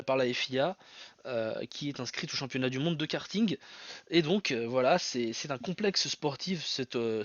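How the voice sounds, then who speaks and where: A man hosts his own podcast solo, speaking in a slightly high, fairly bright voice. A native Portuguese speaker, he talks hesitantly with many fillers and restarts; the recording has no room sound and its highs are cut off.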